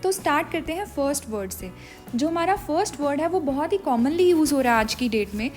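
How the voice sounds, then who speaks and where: A woman gives a vocabulary lesson in a high, bright voice. She spells words out slowly, letter by letter. She asks her own questions and answers them, with faint music behind her. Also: lively intonation. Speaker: teacher.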